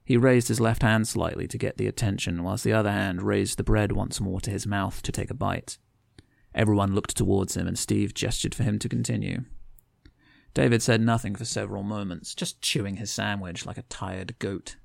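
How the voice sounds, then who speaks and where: Man, comedy podcast co-host, reading his own story aloud, rambling, gravelly, dry close sound. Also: on the low side, fairly even intonation, normal speed, no room sound. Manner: rambling, self-correcting storyteller.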